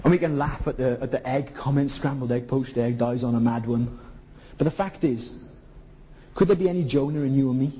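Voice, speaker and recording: A man's voice: medium pitch, brisk, dark tone, slightly rough, lo-fi sound. A man with a Welsh Valleys accent preaching a colloquial sermon, putting rhetorical questions to his listeners. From South Wales valleys.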